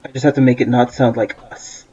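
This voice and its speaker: A man's voice: mid-range voice, flat delivery, a little fast, dark tone. A man playing a tabletop game who talks about the rules in a matter-of-fact way during casual chat. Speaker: player. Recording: muffled lo-fi audio with crowd noise.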